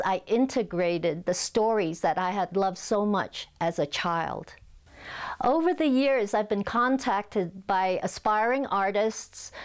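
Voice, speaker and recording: An older woman from Hong Kong speaks slowly and calmly about her work. Her voice is smooth and clear, recorded close on a lapel mic in a living room. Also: mid-range voice. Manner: calm, measured storytelling. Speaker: artist. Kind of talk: documentary interview.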